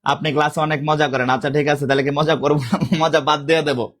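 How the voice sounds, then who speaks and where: A man teaching a live online exam-prep class with a sore throat, speaking softly, repeating questions and calling out students' names. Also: fairly high pitch, level tone, fast talker. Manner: repetitive, calls out student names and drills questions.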